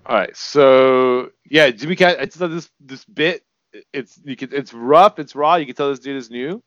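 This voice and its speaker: A man's voice: medium pitch, normal speed, a bit bright. A man casually introducing a comedy clip, talking in a loose, rambling, profane way. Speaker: podcast host introducing a clip. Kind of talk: casual chat. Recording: slightly muffled.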